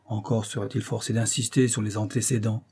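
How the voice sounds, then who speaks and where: A man reading an audiobook, voicing a mild-mannered but sly elderly bailiff's clerk who speaks gently and insinuatingly. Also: on the low side, level tone, brisk, slightly rough. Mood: smug. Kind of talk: audiobook character voice.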